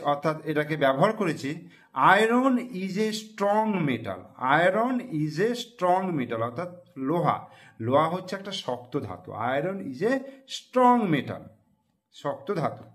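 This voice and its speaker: A man tutoring young students, spelling words letter by letter and repeating them slowly. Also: a little high, fairly bright tone. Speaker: math and English tutor.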